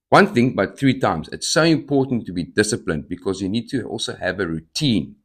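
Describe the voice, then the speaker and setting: A man in his thirties tells his own story on his podcast in a somewhat low voice. He hops from topic to topic and acts out the people he quotes. Tics break into his talk now and then. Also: a bit bright. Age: 30s. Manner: jumps between topics, acts out quoted dialogue; tics and sudden outbursts mid-speech. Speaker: podcast host. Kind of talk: personal storytelling monologue.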